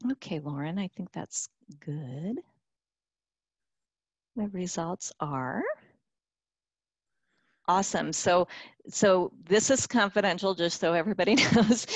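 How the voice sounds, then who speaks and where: Woman webinar presenter, low-pitched, upbeat and chatty, lots of ums, dry sound. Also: dry recording. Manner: upbeat, with many fillers and restarts. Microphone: conference call line.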